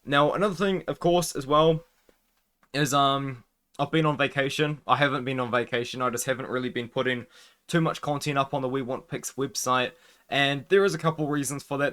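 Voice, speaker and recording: A man's voice: medium pitch, a bit bright, clear, resonant tone. A man with a mid-range voice talks through a fight preview in a casual, conversational way. He has a slight lisp, the sound of someone wearing a retainer he is not used to. He often qualifies his opinions as he goes. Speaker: MMA fight prediction host.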